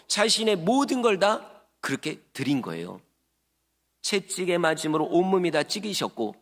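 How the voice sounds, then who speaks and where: A man preaching a sermon as a pastor, emphatic, dropping to hushed lines and acting out the voices of churchgoers. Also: fairly high pitch, long reverb tail.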